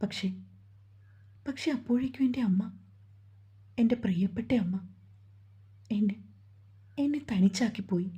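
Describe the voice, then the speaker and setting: A woman voicing a gentle, sorrowful young woman. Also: mid-range voice, moderate pace, pauses often, slightly rough. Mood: grieving. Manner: soft, sorrowful.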